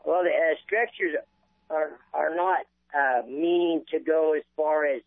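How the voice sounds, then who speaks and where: Guy calling in on a crackly cordless phone, tinny and thin, kinda high voice, stops and starts a lot. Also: creaky, no room sound. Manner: halting, lots of fillers and restarts. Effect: crackly phone line fading in and out. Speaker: caller. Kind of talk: call-in radio interview. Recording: tinny, crackly phone call into a radio show.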